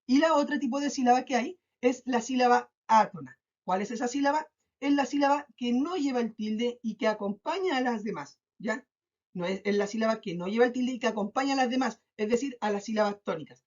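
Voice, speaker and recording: A woman teacher giving a recorded class, patient, drawing out syllables slowly and checking in often. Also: a little high, a little mellow. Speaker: school teacher. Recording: dull lo-fi recording.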